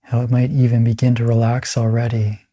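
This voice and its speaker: Here a man guides listeners through meditation. His mid-range voice is soft and breathy, and he speaks in a soothing, calm way with pauses between phrases.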